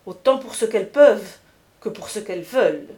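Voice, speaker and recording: A woman's voice: medium pitch, lively intonation, moderate pace, darkish tone, lightly acted. A woman voicing a young duke who gossips slyly in an audiobook reading, mocking and knowing. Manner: sly, mocking.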